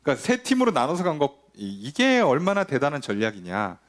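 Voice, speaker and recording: A man's voice: on the high side, brisk. A male pastor giving a Sunday sermon, asking rhetorical questions and briefly acting out the people he quotes. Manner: lively preaching, acts out quoted voices, rhetorical questions.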